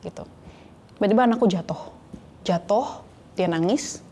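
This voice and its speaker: A woman's voice: medium pitch, normal speed, warm tone, a little hiss or hum. A woman in her thirties telling a personal faith story in an interview, earnest, now and then slipping into English phrases. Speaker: guest sharing a faith testimony. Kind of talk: conversational interview testimony.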